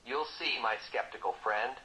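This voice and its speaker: A man's voice: medium pitch, moderate pace, pushed and bright, slight background noise, lightly acted, rough recording. A man voicing a boastful, wisecracking male mercenary who teases his partner in comic banter. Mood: teasing. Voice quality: cocky, teasing, sarcastic.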